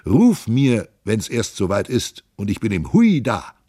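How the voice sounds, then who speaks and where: A man's voice: fairly low pitch, very animated, a little slow, mellow, breathy edge, no room sound, clean studio sound, heavily acted. A man doing a jovial boozy husband. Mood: jovial teasing.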